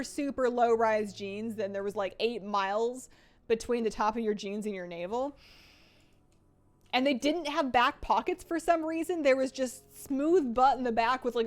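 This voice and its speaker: A woman in her late twenties chatting casually on a live game stream, reading chat and joking about herself. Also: on the high side. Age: 20s. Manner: chatty, self-deprecating, reads chat aloud.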